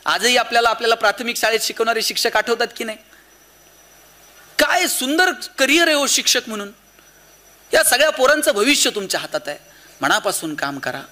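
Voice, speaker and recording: Animated high-voiced man preaching. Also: fairly quick, pauses often. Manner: animated, swings from loud exhortation to low emphasis; acts out quoted voices in anecdotes. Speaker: motivational speaker. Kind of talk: kirtan-style motivational talk.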